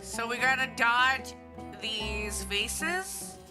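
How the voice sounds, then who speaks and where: A woman with a higher-pitched voice streams a game live, chatting casually and exclamatorily with her viewers in a lively, drawn-out way. Video game music plays behind her.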